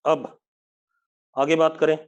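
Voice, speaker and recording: A male physics teacher runs a live online class and speaks with a fairly high voice. He mixes English terms into his Hindi, slows right down to dictate definitions, and keeps asking the students whether it is clear. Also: level tone, highs cut off.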